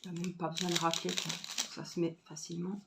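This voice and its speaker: The audio is very noisy as a woman with a lowish voice and little pitch movement talks fast during a home crafting vlog. Shot on a phone camera on a stand, she chats casually with viewers and thinks aloud with fillers.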